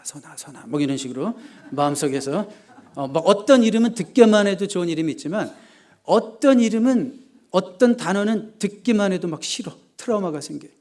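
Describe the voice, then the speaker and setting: A male pastor giving a lively, dramatic sermon with humor and acted-out quotes. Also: on the high side.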